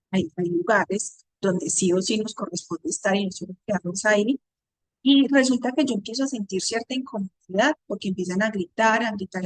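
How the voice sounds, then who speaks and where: A woman's voice: medium pitch, no room sound. A woman psychologist teaching a session on emotional intelligence, who explains by asking questions and coming back to simple everyday examples.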